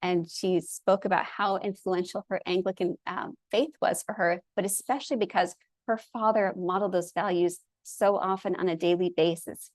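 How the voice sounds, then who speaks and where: A woman's voice: on the low side, a little mellow, no echo. Earnest woman giving a storytelling lecture. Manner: earnest and enthusiastic. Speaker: presenter.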